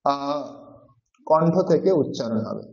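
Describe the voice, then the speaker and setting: The speaker is a man with a fairly high, slightly mellow voice talking at normal speed. In this classroom lecture he teaches a language class, patiently explaining each sound and repeating it several times to demonstrate, all in roomy, dull-sounding audio.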